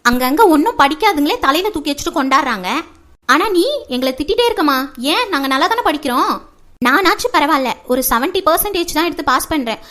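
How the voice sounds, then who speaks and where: A woman's voice: sits high, animated, fast talker, pushed and bright. A woman playing a cheeky college-age daughter who argues back at her mother in a homemade family skit. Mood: arguing. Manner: argumentative, pleading back.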